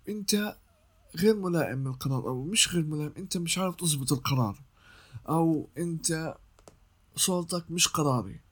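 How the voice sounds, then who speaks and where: A young man talks through voice-over training like a patient teacher. His voice sits a little high with a slightly husky edge. He explains casually and circles back to repeat his points. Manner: explanatory, repeats himself, sings scale notes. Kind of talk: casual tutorial.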